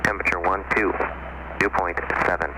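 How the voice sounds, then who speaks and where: A man reading an airport weather broadcast heard over an aircraft radio, in a flat, clipped readout. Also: deep voice, moderate pace. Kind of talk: recorded airport information broadcast. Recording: radio broadcast under loud helicopter engine noise.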